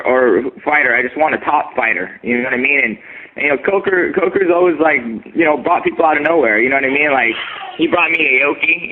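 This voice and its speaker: Brief: relaxed male fighter, mid-pitched, on speakerphone over a thin tinny phone line. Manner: laid-back, talks in loose slang and fillers. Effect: heard over a conference call on speakerphone. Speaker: fighter on a press call. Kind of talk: casual phone interview answers.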